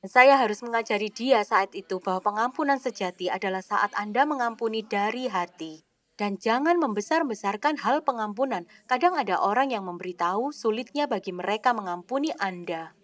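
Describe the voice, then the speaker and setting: A woman preaching a sermon in an expressive way, acting out the dialogue she quotes, recorded as a studio voice-over. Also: medium pitch, a little fast, dry recording.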